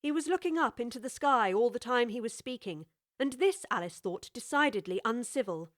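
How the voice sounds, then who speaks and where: A woman narrating a storybook with clear, expressive scripted storytelling. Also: a little high, brisk, no room sound, studio quality.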